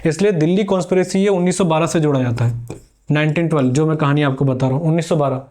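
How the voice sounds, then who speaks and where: A man's voice: fairly high pitch, quick pace, a little mellow. A man teaching a history lesson for exam preparation, telling it as a story and answering viewers' questions.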